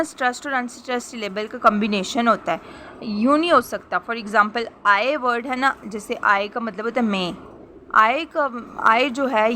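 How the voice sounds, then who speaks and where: Bright-voiced woman teaching a lesson. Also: a little high, slight background noise. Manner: patient, repeats points and checks understanding. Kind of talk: explanatory lesson in Hindi-Urdu with English terms.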